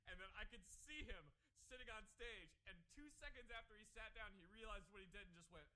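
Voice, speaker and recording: A man, an army veteran, telling rapid, profane stories in a casual stream chat. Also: high voice, sharp tone, poor audio.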